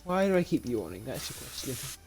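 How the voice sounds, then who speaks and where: A man's voice: medium pitch, big pitch swings, fairly quick, a little mellow, slightly rough, faint music behind. A young man from Britain giving casual, rambling commentary while playing a car repair game live, talking to himself with frequent restarts and laughs, a bit sleepy. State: sleepy, yawning. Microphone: desk mic with webcam.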